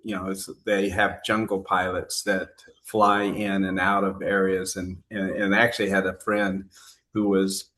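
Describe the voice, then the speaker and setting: Brief: middle-aged pastor co-host, lower voice, halting and full of fillers. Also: male voice, little pitch movement, a bit bright, slight background noise. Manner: hesitant storyteller, many "uh"s, laughs mid-story. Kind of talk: casual chat.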